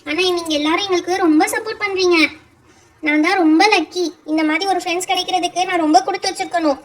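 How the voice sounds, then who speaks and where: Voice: very high-pitched, steady tone, fast. A performer voicing a grateful young girl doll in a doll pretend-play show, earnest and thankful.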